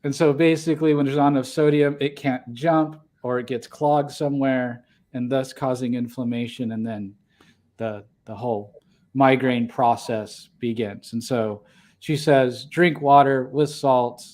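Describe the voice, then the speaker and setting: A man's voice: mid-range voice, steady tone, unhurried, warm tone. A man co-hosting a casual livestream podcast, talking in a rambling way with many fillers and restarts. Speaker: podcast co-host.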